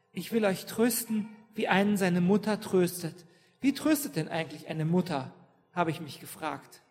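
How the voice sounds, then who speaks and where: Her voice mid-range and a little mellow, this female pastor delivers a sermon, regularly asking the congregation questions and adding "ja?" to check in. The church gives the recording a long reverb.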